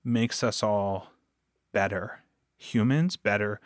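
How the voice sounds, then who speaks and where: Slow and low-pitched, the audio drama producer talks as a podcast guest in a conversational interview. Clean studio sound without echo carries his earnest, emphatic explanations and anecdotes.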